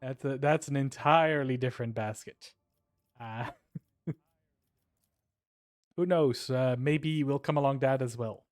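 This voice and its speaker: A man's voice: medium pitch, unhurried, pauses often, no room sound. A man commentating live gameplay as a streamer, joking at himself and swearing and exclaiming at what happens on screen. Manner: self-mocking, swears and exclaims at the game.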